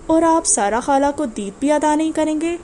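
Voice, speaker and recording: A woman's voice: high voice, expressive, mellow, slight background noise. A woman voicing a defiant, indignant young man in an audiobook, speaking firmly and heatedly.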